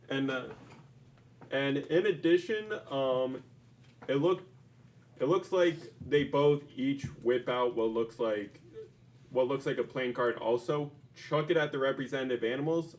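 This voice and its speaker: A young man narrating a tabletop game as game master, halting with many fillers. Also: medium pitch.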